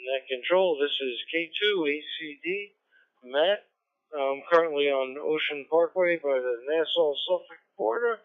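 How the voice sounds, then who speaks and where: A man speaks over a ham radio transmission from his car. The sound is thin, tinny and dry, yet his fairly high voice comes through smooth and clear. He chats in a relaxed way, with small restarts. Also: a little slow, no echo. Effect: heard over a ham radio transmission. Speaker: ham radio operator checking in to a net. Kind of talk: casual radio check-in chat. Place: in a car on the road.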